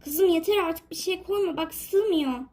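A woman's voice: extremely high pitch, unhurried, darkish tone. A woman voicing a mother pet in a toy figure video, reassuring but scolding.

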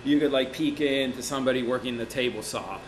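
A man's voice: medium pitch, brisk, slight background noise, poor audio. A middle-aged man from Mexico, a printmaker, talking casually in an interview in his studio, loose and rambling with lots of fillers. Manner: relaxed, rambling, many "you know" and "like" fillers, gestures with hands. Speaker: printmaker and art teacher, interview guest. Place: indoor art studio.

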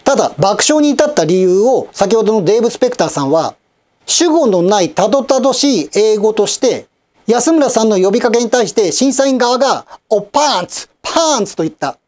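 A middle-aged man hosts his own channel in a formal, measured newsreader manner. His pitch moves in lively swings, and he slips in dry, wry asides. His tone stays polite and composed throughout. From Japan, Osaka and Kochi. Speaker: channel host and commentator. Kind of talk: scripted news-style commentary.

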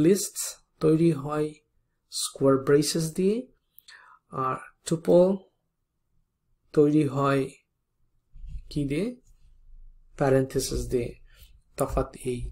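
A programming instructor teaching a coding lesson step by step, spelling out code slowly and often checking in with the viewer. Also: mid-range voice, vocal fry, darkish tone. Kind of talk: coding tutorial lecture.

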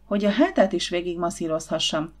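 A woman voicing a young, eager, obliging and tender woman in an audiobook, speaking softly and earnestly. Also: on the low side, expressive.

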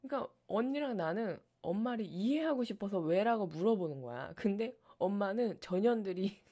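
A woman who does ASMR streams chats casually live, telling stories with lively energy and laughing often. Her pitch is medium and her pace moderate.

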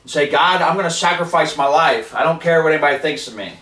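A man's voice: a little high, fast, sharp tone. A man in his forties preaching a fervent sermon in a living room, reading from scripture, filmed by a camera across the room. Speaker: street preacher. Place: living room with wood paneling. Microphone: far camera. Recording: roomy sound from a distant camera.

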